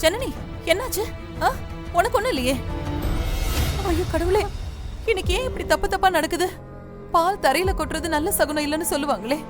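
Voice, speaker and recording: A woman's voice: on the high side, fairly quick, pauses often, close to an everyday voice. An actress playing a worried, superstitious middle-aged mother who frets and insists. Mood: alarmed. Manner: fretful, insistent. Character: worried superstitious mother fretting over omens. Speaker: mother in a TV serial. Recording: dramatic background music.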